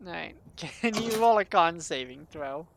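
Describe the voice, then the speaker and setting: A woman's voice: lowish voice, lively intonation, measured pace, gravelly, a little hiss or hum. A woman narrating as dungeon master, chatty and loose, with frequent laughs and fillers. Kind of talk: narrating a tabletop game.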